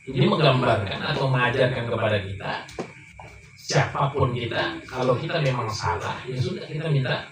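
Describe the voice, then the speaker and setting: A man preaching a sermon, telling a story that often climbs high and emphatic. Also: animated, normal speed. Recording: echoey room, mic far off, faint noise.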